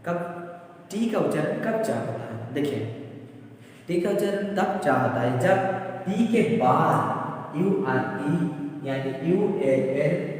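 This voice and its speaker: Slow, echoey male English teacher. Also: a little high, lively intonation. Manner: slow, repetitive teaching with questions he answers himself. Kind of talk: classroom lesson. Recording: echoey room, voice from a distance, faint ambient noise.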